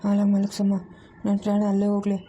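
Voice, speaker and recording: A woman's voice: medium pitch, completely flat delivery, warm tone, a little hiss or hum, pitched below the performer's own voice, natural voice. A woman voicing a frail dying old grandfather. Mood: faint pleading. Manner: weak, slow, sinking to a whisper.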